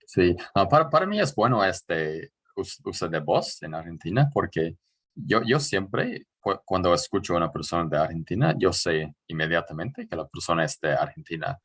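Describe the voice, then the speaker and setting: A man's voice: low voice, big pitch swings, normal speed, a bit bright, slightly rough. A man from New Zealand who speaks natively, hosting the talk and asking careful questions with small hesitations. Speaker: host. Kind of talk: casual interview.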